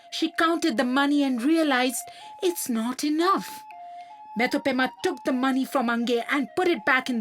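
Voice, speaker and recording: A woman gently narrating a children's storybook. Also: high voice. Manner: slow, gentle and clearly spoken.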